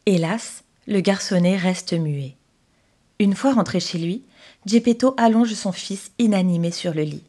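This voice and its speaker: A woman narrating a children's storybook in an expressive, dramatic way. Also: medium pitch, unhurried. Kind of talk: storybook reading.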